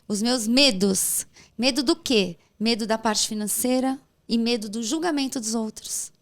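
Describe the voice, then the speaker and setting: A woman's voice: a little high, unhurried. A woman as a podcast guest, giving casual, reflective advice in an encouraging way and checking for agreement. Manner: encouraging, seeks agreement with tag questions.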